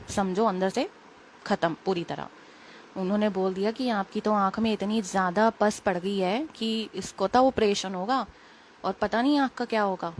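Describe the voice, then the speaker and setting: Young woman rambling through a story, talks fast w lots of fillers, bit unwell, faint hiss behind. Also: medium pitch. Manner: chatty, rambling, quick with fillers. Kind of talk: casual spoken testimony.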